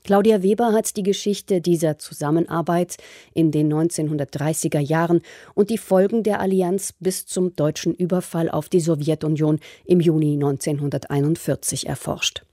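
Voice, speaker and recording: A woman presenting a scripted radio introduction in a measured, factual way. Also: low-pitched, steady tone, dark tone, dry recording, clean studio sound.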